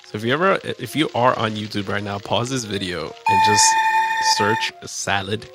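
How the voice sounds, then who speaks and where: A man's voice: on the low side, sing-song, normal speed, loud music behind the voice. A young man hosting a casual chat, joking loosely with lots of fillers. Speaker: podcast host.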